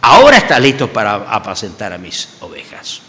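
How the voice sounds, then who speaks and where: A man voicing a patient male divine teacher. He questions slowly, in a low, gently insistent voice. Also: huge pitch swings, full character voice. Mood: firm. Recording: church hall with long reverb.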